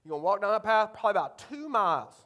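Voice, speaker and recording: A pastor doing a drawling rural North Carolina hunter. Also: male voice, high-pitched, big pitch swings, very fast, sharp tone, voice pushed up, exaggerated voice. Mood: matter-of-fact. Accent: Eastern North Carolina. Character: rural male hunter, blunt, giving directions.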